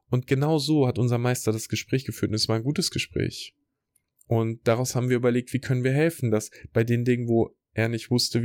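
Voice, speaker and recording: A man hosting a podcast, giving a motivational talk straight to the listener and slowing down for guided reflection exercises. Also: medium pitch, a little mellow, no room sound. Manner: direct, coaching, addresses listener as du. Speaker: podcast host and speaker. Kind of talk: motivational talk, rehearsing a keynote.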